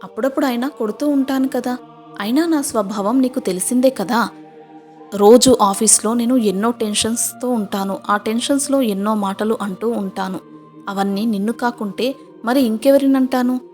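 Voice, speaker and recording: A woman voicing a short-tempered young husband who talks in a gruff, dismissive way. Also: a little high, moderate pace, a little mellow, faint music behind, lightly acted.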